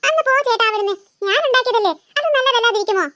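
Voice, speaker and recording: A harried cartoon mother, very high and bright, firing off quick complaints at her quarrelling kids. Her scolding tone stays at the fore. It is recorded close and dry. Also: no room sound. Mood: chatty. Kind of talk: cartoon voice acting.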